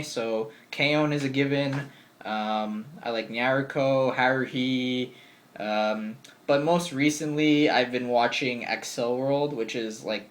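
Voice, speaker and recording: A twenty-year-old man answers viewer questions in a casual vlog filmed in his bedroom, with game shelves behind him. His medium-pitched voice is a bit bright, and he's chatty and upbeat, filling his speech with ums and likes.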